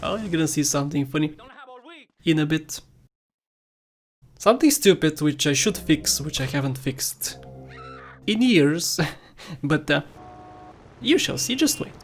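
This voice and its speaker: A gaming YouTuber with a Bulgarian accent gives casual, playful gameplay commentary, chatting to viewers and often laughing at himself. His voice is on the high side and animated, a little slow, with long pauses.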